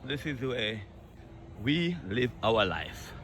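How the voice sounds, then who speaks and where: A man from Jamaica with a Jamaican accent, giving an excited walking-tour vlog outdoors among fruit trees. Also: mid-range voice, slow pace, a little hiss or hum. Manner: exclamatory, excited, keeps repeating "look at this". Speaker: vlogger.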